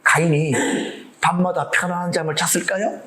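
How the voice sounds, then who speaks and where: A man preaching a sermon in an animated way, asking the congregation rhetorical questions and acting out the voices of the people in his story. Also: a little high, moderate pace, poor audio. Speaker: pastor.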